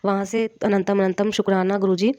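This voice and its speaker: Hoarse woman giving a devotional testimony. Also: medium pitch, level tone, fairly quick, warm tone, dry recording, dull audio. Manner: earnest, grateful, with many restarts. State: hoarse with a cough.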